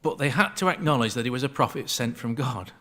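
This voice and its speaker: An Englishman leads a relaxed Bible talk, reading verses aloud and breaking off into chatty asides. His voice sits at an ordinary middle pitch and sounds conversational rather than preachy. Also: quick pace. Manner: conversational, digressive, reads scripture aloud. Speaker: Bible study speaker.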